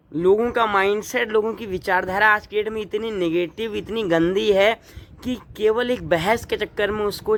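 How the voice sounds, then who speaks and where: Indignant high-voiced man vlogging. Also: a bit bright. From Uttarakhand, India. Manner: earnest, indignant, asks the viewer rhetorical questions. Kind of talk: opinion commentary to camera.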